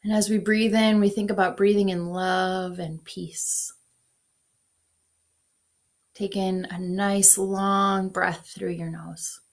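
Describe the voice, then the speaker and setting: A woman leading a guided breath prayer in a devotional video, giving calm, unhurried guidance. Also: mid-range voice. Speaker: devotional leader.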